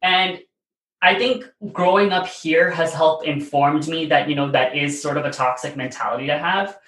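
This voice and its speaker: In a casual interview, an American man in his late twenties tells rambling, chatty stories peppered with "like" and "you know." His voice is a little high and fairly bright, steady in tone, at a normal speed. The room gives the recording a noticeable echo.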